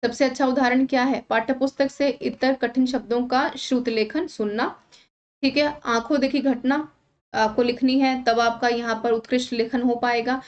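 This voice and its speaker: A woman's voice: on the high side, steady tone, moderate pace, muffled recording. A woman teacher talking exam candidates through practice questions, checking in with them often as she explains. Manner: talks viewers through questions, often saying "thik hai". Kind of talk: explanatory exam-prep lesson.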